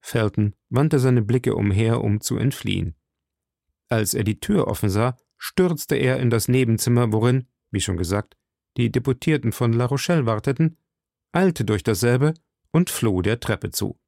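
A man reading a classic novel aloud in measured, steady narration. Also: mid-range voice, gravelly, no room sound, clean studio sound. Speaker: reader. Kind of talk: audiobook reading.

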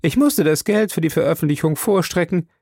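A man voicing a chattering, warm-hearted older woman who gushes breathlessly. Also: on the high side, lively intonation, fairly quick, slightly rough, no room sound, studio quality, pitched above the performer's own voice. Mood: gushing.

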